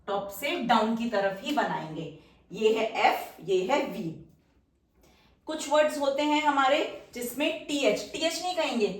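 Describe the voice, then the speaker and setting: A woman's voice: on the high side, recorded from a distance. A woman teaching a shorthand lesson at a whiteboard, patiently checking that her students follow. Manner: patient, checks understanding often. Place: roomy classroom-like space, drawing with a marker. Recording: echoey room, voice heard from afar.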